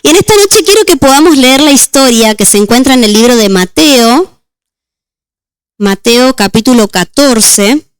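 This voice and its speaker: A woman deaconess preaches in a smooth, clear, high voice. She reads the scripture at a slow, measured pace and draws out the important words. The sound is close and dry. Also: lively intonation, no echo. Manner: measured, slows on key words. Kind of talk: sermon with scripture reading.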